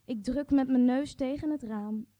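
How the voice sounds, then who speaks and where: A woman's voice: high-pitched, moderate pace, mellow, no room sound. A woman reading a surreal, intimate prose piece aloud, speaking straight to a "you". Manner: intimate, addresses a "you" directly.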